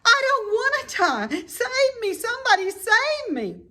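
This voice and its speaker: A woman's voice: very high-pitched, very animated, a little slow, pushed and bright, pitched above the performer's own voice, heavily acted. Woman doing a shrieking, panicky young pig. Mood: panicked. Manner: screaming and sobbing.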